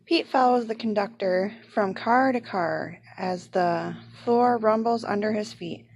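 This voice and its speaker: A woman reading a children's picture book aloud in an expressive storytelling manner. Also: medium pitch, measured pace, vocal fry, husky. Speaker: storybook reader.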